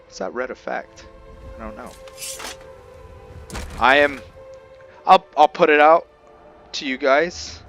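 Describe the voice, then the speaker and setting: A gaming video host plays a roleplay video game and commentates casually, muttering short reactions and talking to his viewers. His mid-range voice is slow-paced and a bit bright, with vocal fry and frequent pauses, and game music plays in the background.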